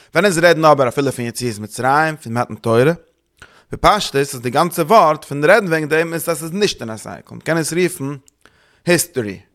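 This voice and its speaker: A man's voice: mid-range voice, fairly bright tone. A man giving a religious study lecture, thinking aloud, searching for words, repeating himself and slipping in English terms.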